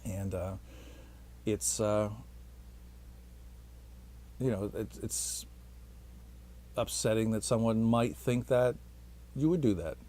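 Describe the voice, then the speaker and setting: A man's voice: fairly low pitch, takes it slowly, long pauses, dark tone. Rambling, hesitant man vlogging. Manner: rambling, hesitant, self-deprecating. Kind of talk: rambling casual monologue.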